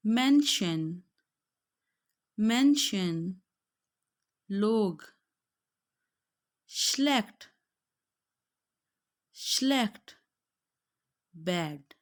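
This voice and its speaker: Slow, careful Pakistani woman teacher. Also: fairly low pitch. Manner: drawn-out, carefully spelled-out words, glossing each in Urdu. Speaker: German language teacher. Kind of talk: slow pronunciation lesson, repeating each word.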